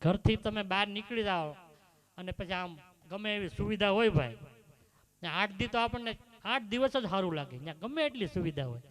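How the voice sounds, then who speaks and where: A man gives a devotional talk with a slightly high voice. He tells stories in a lively way and keeps asking the listeners short rhetorical questions. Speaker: bhajan singer and storyteller. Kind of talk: devotional sermon with anecdote.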